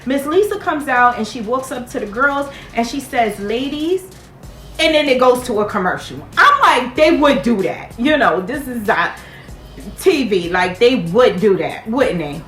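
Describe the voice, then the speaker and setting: Chatty high-voiced woman recapping TV. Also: normal speed, reverberant, faint music behind. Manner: chatty, animated, talks straight to viewers. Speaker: TV show recap host. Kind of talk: casual TV recap commentary.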